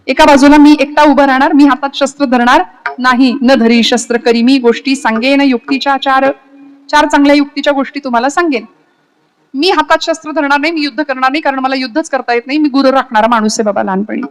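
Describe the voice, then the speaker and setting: A woman preacher voicing the god Krishna as a calm, teasing man in a devotional story. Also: high-pitched, fast talker, lightly acted. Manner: gently teasing, humble.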